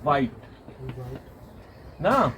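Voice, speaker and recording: This man, a tuition teacher, lectures a small group of students and asks them questions for them to answer. His slightly high voice is very animated, with drawn-out words. The phone capturing the lesson is far away, and background noise comes through.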